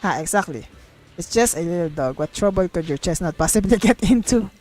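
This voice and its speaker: Music plays behind a woman streaming a story game as she reads the lines aloud casually and bursts into giggly, sweary exclamations. Her voice is on the low side, warm and animated, moving fairly quickly.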